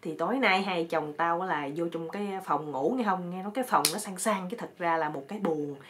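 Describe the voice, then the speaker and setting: A woman telling a comic story in a lively, chatty way full of exclamations. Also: on the low side, brisk.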